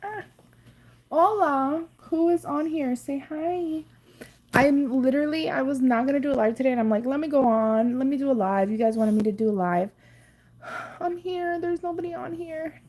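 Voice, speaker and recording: A tired woman from Cuba chats loosely with viewers on a late-night phone livestream, her voice sitting a little high. She greets people by name, swears casually and drifts from topic to topic. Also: moderate pace, darkish tone. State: tired, ready for bed. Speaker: livestream host. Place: at home.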